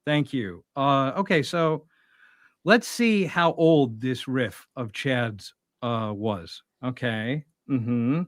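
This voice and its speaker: A man's voice: mid-range voice, slow, no room sound. Sarcastic young man, dry close sound. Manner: sarcastic, mocking. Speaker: host. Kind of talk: casual reaction commentary.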